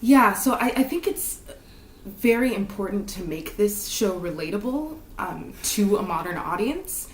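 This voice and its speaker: A woman's voice: mid-range voice, lively intonation, a little slow, slight background noise. Earnest young-sounding woman, echoey and distant. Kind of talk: casual interview. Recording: echoey room, a bit far from the mic.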